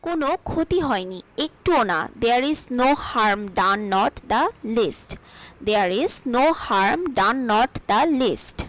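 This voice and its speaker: Lively, very slow-speaking woman teacher. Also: fairly high pitch, low-quality recording. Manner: reads each English sentence slowly and carefully, twice over. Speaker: English teacher. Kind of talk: spoken English lesson, reading sentences aloud.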